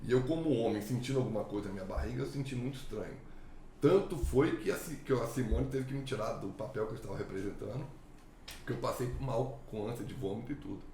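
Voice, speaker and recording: A man guest telling a personal story in relaxed, plain-spoken conversation. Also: medium pitch, fast, reverberant, a little hiss or hum. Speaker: podcast guest. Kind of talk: casual storytelling.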